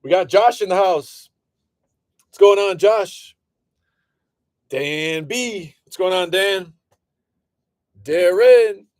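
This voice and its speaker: A man from Illinois with a high voice hosts a live sports card break, chatting casually and greeting viewers by name. He takes it slowly with frequent pauses, and his voice sounds a little off. The recording is studio quality with no room sound.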